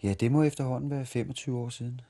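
A man's voice: mid-range voice, fairly even intonation, mellow. A Danish man in his forties telling stories in an interview as a street performer, often restarting and repeating words as he remembers. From Denmark. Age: 40s. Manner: halting, repeats and restarts words while reminiscing. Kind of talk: storytelling interview.

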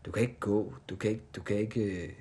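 Gruff low-voiced man telling a rough story. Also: fairly even intonation. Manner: loose, colloquial, keeps adding "ikke?" and "mand"; drops to a quiet, low voice when recalling pain. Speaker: interviewee. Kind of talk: candid personal storytelling.

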